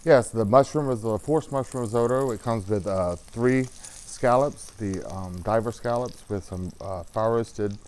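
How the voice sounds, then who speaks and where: A middle-aged man, an executive chef, talking through a dish while cooking at a studio stove, casual and halting with lots of ums. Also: lowish voice, a little mellow. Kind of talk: cooking demo interview.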